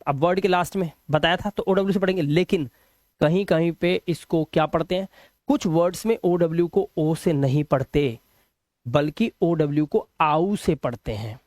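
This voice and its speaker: A man with a Hindi accent teaching English pronunciation rules in a classroom lesson, reassuring his students and drawing out example words slowly. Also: on the high side, a little mellow, no echo, clean studio sound.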